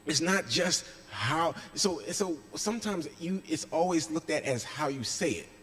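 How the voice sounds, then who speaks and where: A man's voice: on the high side, animated, measured pace. Emphatic man preaching in an echoey hall. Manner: emphatic preaching, swinging between loud and hushed. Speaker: pastor. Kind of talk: sermon.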